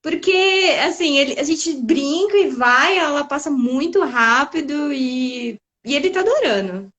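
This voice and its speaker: A woman's voice: high voice, unhurried. Chatty Brazilian woman teacher hosting. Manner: chatty and lively, frequent "sabe?". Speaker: host, English teacher. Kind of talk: casual conversation.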